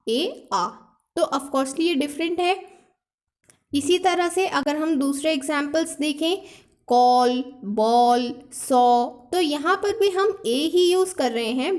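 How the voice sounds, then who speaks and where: A young woman teacher explaining a lesson step by step, mixing two languages, repeating key points and slowly reading out example words. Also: high voice. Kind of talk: classroom lesson explaining phonetics.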